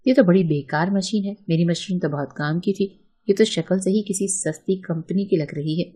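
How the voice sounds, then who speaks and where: Lady reading as a snooty young bride, picks fights, low mellow voice, a bit husky. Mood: scornful. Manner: scornful, quarrelsome. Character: proud, sharp-tongued young bride from a rich family. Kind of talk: storybook narration.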